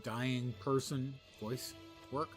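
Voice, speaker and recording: A man's voice: mid-range voice, steady tone, takes it slowly, over music. A man giving casual game commentary, musing aloud in a wry, playful way. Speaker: gaming host.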